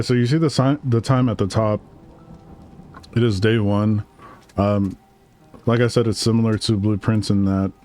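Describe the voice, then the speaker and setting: A man's voice: fairly low pitch, darkish tone. A man casually commenting as he plays a game, chatting and reading its text aloud. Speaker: streamer playing a game. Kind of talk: casual let's-play commentary.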